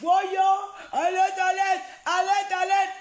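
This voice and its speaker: A man putting on a panicky, shrill wailing woman crying out for help, in mockery. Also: level tone, measured pace, reverberant. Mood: mocking wail. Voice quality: high wailing, shouted mockery.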